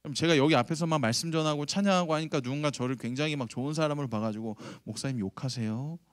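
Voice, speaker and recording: Guy youth pastor preaching to teens, kinda high voice, dry close sound, keeps asking the kids stuff. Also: very fast, clear, resonant tone, no echo. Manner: animated storytelling, asks the audience questions. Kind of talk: sermon to middle schoolers. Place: church sanctuary.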